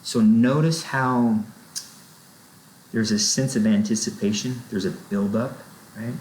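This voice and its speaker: A man's voice: on the low side, fairly even intonation, measured pace, a little mellow. A man explaining sentence structure in a recorded lecture, checking in with "right?" and "okay?" as he goes. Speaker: writing instructor. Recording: roomy echo, faint noise.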